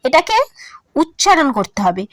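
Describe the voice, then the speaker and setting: A woman teacher with a Bengali accent walks students through a grammar point, sounding words out syllable by syllable. Her voice sits high and swings widely in pitch. The recording is dry and close, with no room sound. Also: sing-song, no echo. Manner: slow, emphatic, syllable-by-syllable teaching. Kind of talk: explaining a grammar lesson to students.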